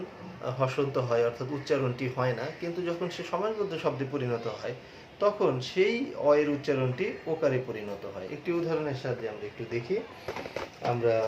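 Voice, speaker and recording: A male teacher giving a classroom lecture on pronunciation, explaining patiently, repeating points and drawing out example words slowly. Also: on the high side. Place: classroom with a board. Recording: echoey room, dull sound, faint hiss.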